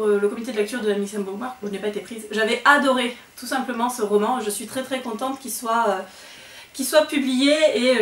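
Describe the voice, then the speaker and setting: A woman chatting casually through her monthly book wrap-up video, with lots of fillers and restarts. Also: on the high side. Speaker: book vlogger. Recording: echoey room, voice a bit far from the mic.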